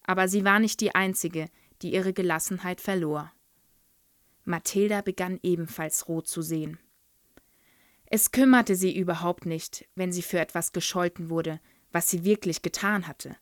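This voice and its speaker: A woman presenting a children's book and reading from it in clear, even storytelling. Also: lowish voice, normal speed, dry recording, clean studio sound. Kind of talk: book presentation with read-aloud excerpt.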